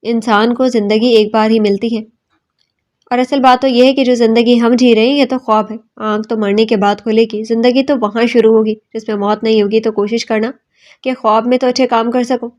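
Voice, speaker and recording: A woman voicing a gentle elderly father giving loving advice to his children in a storybook reading. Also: a little high, level tone, close to an everyday voice. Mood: tender. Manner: soft, tender, advising.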